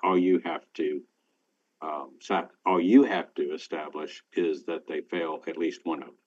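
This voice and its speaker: Low-voiced, halting male judge. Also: fairly even intonation, darkish tone, dry recording. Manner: halting, deliberate, with frequent pauses. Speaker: presiding appellate judge. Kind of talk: formal spoken courtroom instructions. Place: remote court hearing. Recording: dry, dull remote-call audio.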